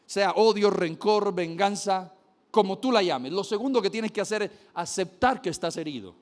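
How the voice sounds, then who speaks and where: A man's voice: high-pitched, expressive, normal speed. A man preaching a sermon, emphatic, repeating key phrases and speaking straight to his listeners.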